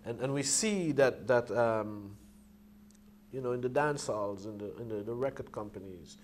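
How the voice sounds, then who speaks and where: A man with a medium-pitched voice talks through his thoughts in a casual discussion. He is hesitant and halting, circling back as he searches for words, with faint ambient noise behind him.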